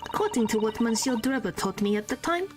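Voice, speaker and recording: A woman voicing a composed female witness at a trial, speaking in a calm and precise way. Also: fairly high pitch, fast, far from the mic, natural voice. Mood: firm. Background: game music.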